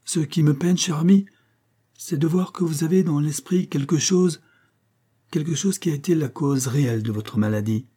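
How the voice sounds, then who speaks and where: Pleading husband, earnest, anxious, a man voicing him, slightly raised pitch, mellow husky tone. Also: moderate pace.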